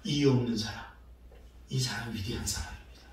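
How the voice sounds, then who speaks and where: A middle-aged man preaching a sermon as pastor, telling stories in an animated way, acting out the voices of people he quotes, and laughing often. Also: mid-range voice, brisk. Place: church sanctuary. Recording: very echoey church hall from far off, faint noise.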